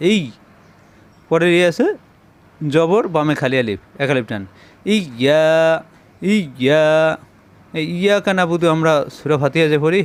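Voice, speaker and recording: Male Quran teacher, smooth, slightly high voice, patient syllable drills. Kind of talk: spelling out Arabic letters for learners.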